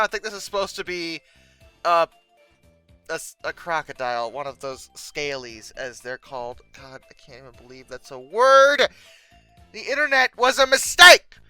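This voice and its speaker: A video host comments comically on pictures, alternating deadpan remarks with exaggerated, mock-exasperated outbursts. The voice is mid-range with a clean tone and no echo.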